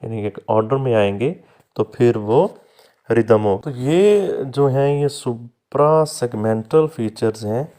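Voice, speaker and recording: This is a man giving a recorded lecture at a very unhurried pace. He explains patiently, step by step, sounding out example words slowly and addressing his students fondly as "beta", at an ordinary middle pitch. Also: mellow. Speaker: teacher.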